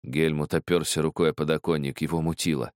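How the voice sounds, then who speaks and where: A man with a very low voice reads an audiobook in a measured, grave manner. The recording is dry and close, with no room sound. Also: flat delivery, a little mellow, clean tone, no room sound. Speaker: audiobook narrator. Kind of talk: dramatic audiobook narration.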